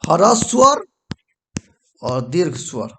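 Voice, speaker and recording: A male teacher with a slightly high, sing-song voice and a bright, forceful tone runs a grammar lesson at the whiteboard, with a little background noise. He repeats himself, checks in often with "ठीक है," and pauses to correct and erase what he has written.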